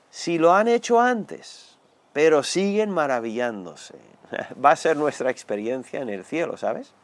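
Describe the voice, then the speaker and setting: Older man, Spanish accent, pastor, hoarse from a cold, conversational sermon, dry close sound. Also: mid-range voice, no room sound. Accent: Spanish (Spain). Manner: conversational, animated storytelling with acted quotes.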